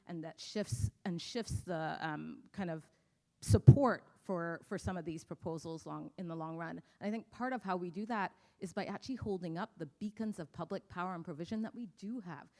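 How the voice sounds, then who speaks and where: A woman's voice: fairly low pitch, a little fast, darkish tone. Woman from Barbados on a panel. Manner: thoughtful, with frequent fillers. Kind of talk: panel discussion.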